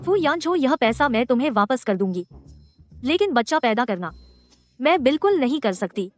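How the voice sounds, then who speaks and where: An actress playing a sharp-tongued, money-minded young wife in a dubbed drama, brash and mocking. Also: female voice, sits high, very animated, moderate pace, soft background music. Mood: defiant. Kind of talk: Hindi drama dub.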